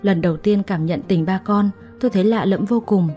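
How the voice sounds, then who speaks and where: A young woman narrating a first-person story in a calm, reflective way. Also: medium pitch, brisk, faint music behind.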